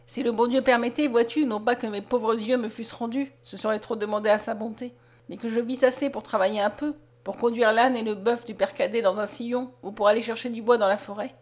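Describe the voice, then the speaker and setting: A woman reading the part of a gentle, sorrowful blind young peasant man in an audiobook, speaking softly and low. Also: fairly even intonation, brisk, lightly acted. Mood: tender. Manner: soft, low and tender.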